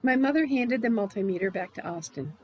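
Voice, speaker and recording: An older woman reading a novel aloud, animated storybook reading. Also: mid-range voice, brisk, husky, rough recording. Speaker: reader.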